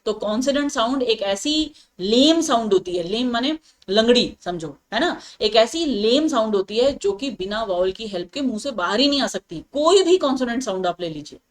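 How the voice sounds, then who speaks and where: A woman English teacher, a native Hindi speaker, explains grammar patiently, repeats her points, checks that students follow, and reads example sentences slowly. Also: a little high, lively intonation.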